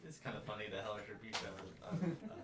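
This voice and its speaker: A man's voice: on the low side, expressive, fast, recorded from a distance, loud music behind the voice. A man playing a tabletop game who chimes in with joking asides. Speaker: player. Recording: roomy, off-mic.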